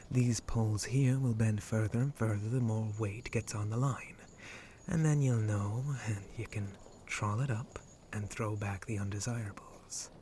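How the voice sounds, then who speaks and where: In this ASMR roleplay aimed at the listener, a man plays a flirty, roguish shark-man pirate captain, his dark, breathy voice often dropping to a whisper. He drawls slowly in put-on pirate speech, teasing and instructive, with low chuckles and light acting. A faint hiss or hum sits under the recording.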